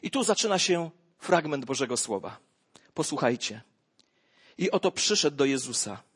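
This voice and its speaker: Male preacher, husky and fairly high, dramatic sermon storyteller. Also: sing-song, moderate pace. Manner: dramatic storytelling, swinging from hushed to loud exclamations.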